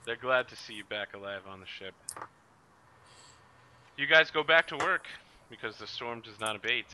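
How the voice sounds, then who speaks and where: A man's voice: medium pitch, lively intonation, moderate pace, bright, forceful tone. A man narrating a tabletop role-playing game as game master. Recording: dull recording, faint noise, clicks.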